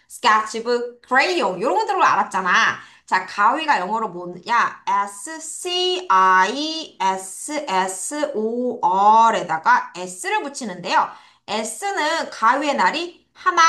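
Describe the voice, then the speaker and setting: Teaching English vocabulary to kids online, a private-academy teacher speaks at a fairly high pitch in a bright, forceful tone. She poses questions and supplies the answers herself, spelling words out letter by letter. She stretches out each word slowly so the pupils can copy her pronunciation.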